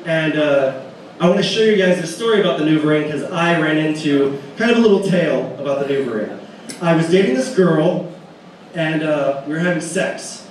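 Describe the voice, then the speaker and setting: A man's voice: fairly high pitch, lively intonation, a little fast, a little hiss or hum. A young man doing a stand-up set in a comedy club, telling crude stories loosely with acted-out asides. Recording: echoey club from a far mic, audience laughter.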